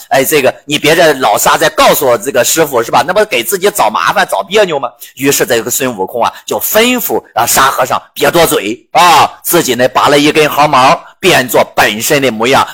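A man's voice: a little high, pushed and bright, husky. A man retelling a classic novel chapter with casual, joking asides to listeners. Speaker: storyteller.

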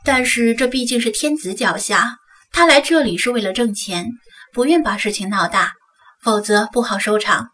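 Brief: female audiobook narrator, husky, a bit high, distant mic. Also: normal speed, fairly bright tone. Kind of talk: scripted novel narration.

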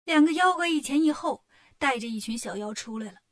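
A woman narrating a children's story in a lively, colloquial way. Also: high voice, brisk.

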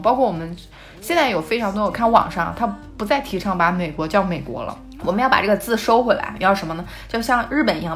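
Young female podcast co-host, fast-talking, emphatic storyteller. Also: medium pitch. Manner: animated storytelling, quick and emphatic. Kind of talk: casual podcast chat.

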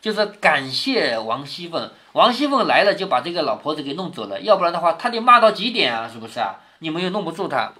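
A man's voice: a little high, sing-song, fast, few pauses, pushed and bright, breathy edge. A man reading a classic novel aloud to his daughter, explaining it with lots of rhetorical questions. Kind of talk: storybook reading with commentary.

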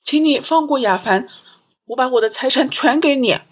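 A woman's voice: high voice, animated, moderate pace, slightly rough, voice pushed up. A woman reading an audiobook, voicing a desperate middle-aged father, a civil servant, who stammers in panic. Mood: pleading.

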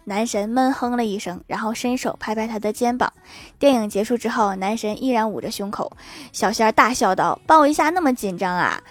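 A woman's voice: a little high, steady tone, fairly quick, no echo. A woman hosting a joke show, reading funny anecdotes aloud in a playful way and chuckling at the punchlines.

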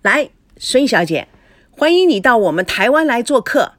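A woman voicing a flirtatious, smooth-talking middle-aged man in a storybook reading, with a wheedling, glib manner. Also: on the high side, big pitch swings, normal speed, no echo, voice pushed up. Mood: flirty, glib.

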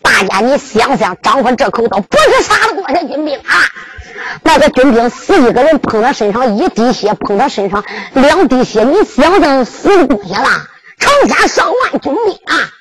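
A storyteller with a Henan accent performing zhuizi ballad narration, speaking to the listeners directly in an animated way. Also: high-pitched, normal speed, poor audio.

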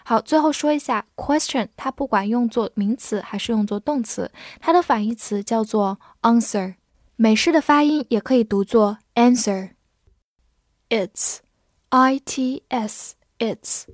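A woman with a fairly high voice gives a patient vocabulary lesson, spelling each word out letter by letter. She reads example sentences slowly and clearly. The sound is dry and close, with no room echo. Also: a little mellow. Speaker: English teacher.

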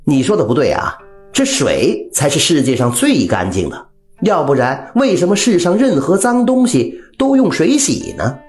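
A man's voice: medium pitch, big pitch swings, normal speed, soft background music, pitched above the performer's own voice, natural voice. A man doing a sly, smug village rogue. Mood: sneering. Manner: smug, wheedling.

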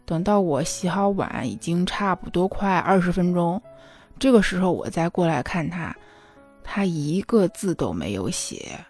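A woman's voice: lowish voice, lively intonation, unhurried, darkish tone, faint music behind. A woman in her thirties, a mother telling a personal story in an earnest, emotional, confiding way, often checking in with the listener. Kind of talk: confiding spoken monologue.

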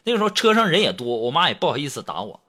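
A man hosting, telling funny childhood stories in a lively way and laughing often. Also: fairly high pitch, very fast. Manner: lively, laughing often, acts out quoted parents. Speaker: comedy storyteller host. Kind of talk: comic storytelling monologue. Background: music.

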